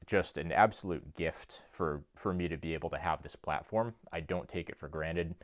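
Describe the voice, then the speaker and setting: A young man speaks earnestly to his phone camera from a home basement gym. His voice sits very low, and his delivery is a steady monotone. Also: normal speed. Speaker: fitness YouTuber and coach. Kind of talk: casual talk to camera.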